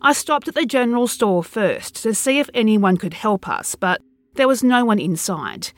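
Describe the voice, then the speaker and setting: Animated woman reading a horror story. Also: on the high side, normal speed, no room sound. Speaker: narrator. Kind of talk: first-person horror story narration.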